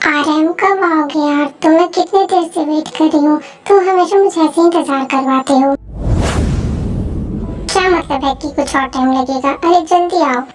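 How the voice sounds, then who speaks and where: A woman's voice: high-pitched, moderate pace, soft background music, lightly acted. A woman voicing a worried, nagging mother who waits up late, in an amateur dubbed story. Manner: nagging, scolding.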